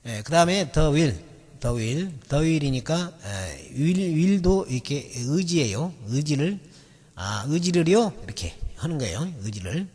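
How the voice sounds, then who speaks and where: A man's voice: a little high, sing-song, takes it slowly, darkish tone, breathy edge. A man teaching in a recorded video lecture, explaining patiently and repeating and stretching out key words. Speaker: English memory-method teacher. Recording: long reverb of a hall.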